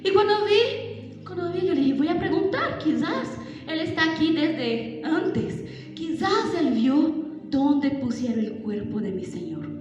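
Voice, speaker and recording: A woman preaching as Mary Magdalene, very high, slow. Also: animated, dull audio. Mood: awestruck. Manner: emotional, dramatic storytelling with exclamations. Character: Mary Magdalene, devoted, awestruck woman disciple. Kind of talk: first-person narrative sermon. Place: large church hall at a women's congress. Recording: echoey hall with background music.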